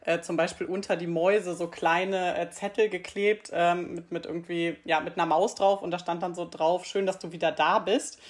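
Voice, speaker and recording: A woman's voice: on the low side, level tone, normal speed, hardly any pauses, a little mellow. A woman, a guest in an interview, talking chattily and laughing as she tells stories. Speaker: employee engagement team member, guest. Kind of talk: conversational interview talk.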